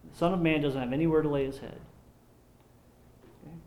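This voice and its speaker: A man preaching a sermon in an earnest, measured way, sometimes repeating words as he restarts a phrase. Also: on the high side, fairly even intonation, darkish tone, slight background noise. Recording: echoey room.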